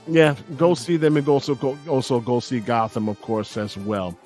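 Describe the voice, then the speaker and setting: A man's voice: medium pitch, lively intonation, moderate pace, a little mellow, soft background music. A middle-aged man hosting a casual sports podcast, talking bluntly and with feeling and repeating phrases for emphasis. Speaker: podcast host.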